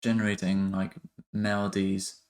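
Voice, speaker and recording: A man explains a music production tutorial in a low, slow, flat voice. His casual software narration is hesitant and halting, with him thinking aloud.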